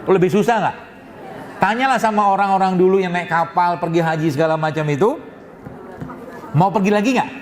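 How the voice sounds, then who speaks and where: A man's voice: high-pitched, a little fast, long pauses, some chatter behind, a little hiss or hum. A man preaching a sermon to a congregation. He asks questions and then answers them, and at times his voice rises into emphatic urgency. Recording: echoey hall recording, faint ambience.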